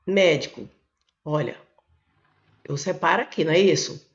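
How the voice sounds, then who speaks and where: A woman's voice: low-pitched, moderate pace. A Brazilian woman teacher working step by step through exam questions, pointing things out with frequent "ó" and "olha". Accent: Brazilian Portuguese. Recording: echoey room, dull lo-fi sound.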